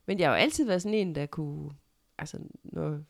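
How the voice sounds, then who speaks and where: Middle-aged woman, low creaky voice. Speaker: guest, mother of the host. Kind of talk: personal storytelling in casual conversation.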